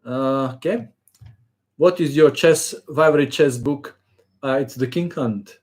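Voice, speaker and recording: A man's voice: mid-range voice, measured pace, a little mellow. A man hosting a chess channel, chatting casually and jokingly as he reads out and answers viewer questions on a live stream.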